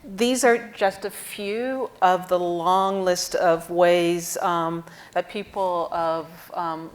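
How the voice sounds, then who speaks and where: A woman moderating a stage panel, measured as she reads out terms and poses questions into a lapel mic. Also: lowish voice, fairly even intonation. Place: auditorium stage.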